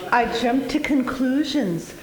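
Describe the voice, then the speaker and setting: An actress playing a woman softly admitting she jumped to conclusions. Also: sits high, animated, slow, roomy sound, a crowd in the background, rough recording. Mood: sheepish. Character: woman admitting a misunderstanding to a friend.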